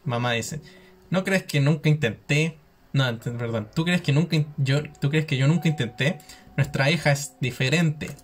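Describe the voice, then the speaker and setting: A man's voice: a little high, breathy edge. A young man with a Chilean accent reads on-screen game dialogue aloud as he plays. He stumbles, restarts lines and drops slangy casual remarks between the reading. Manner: reads text haltingly with restarts, slangy asides. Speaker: gameplay streamer.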